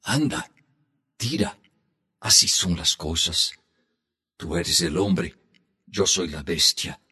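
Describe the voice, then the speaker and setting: A man voicing a solemn wild jaguar that speaks calmly of its own death, in a grave, resigned, low manner. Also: takes it slowly, slightly rough, heavily acted.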